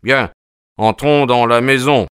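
A man voicing a calm, firm detective. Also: mid-range voice, slow, clear, resonant tone, no echo, studio quality, pitched above the performer's own voice. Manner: calm and firm, slightly lifted voice. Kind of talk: audiobook character voice.

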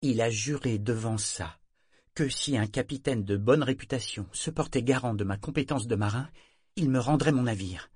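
A man reading the part of a headstrong young woman sailor who talks low and rough, with urgent insistence. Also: moderate pace, darkish tone, no echo, clean studio sound, close to an everyday voice.

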